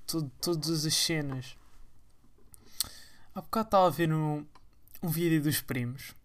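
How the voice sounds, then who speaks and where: A man's voice: a little high, unhurried. A young man with a European Portuguese accent, rambling in a slangy, mocking casual vlog monologue. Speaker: vlogger.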